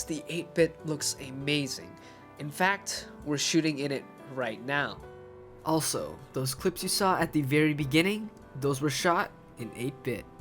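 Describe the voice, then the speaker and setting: Congested, blocked-nose man reviewing gear. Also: fairly high pitch. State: congested with a cold, muffled blocked-nose hollow sound. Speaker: host, camera reviewer. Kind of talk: scripted casual video review narration.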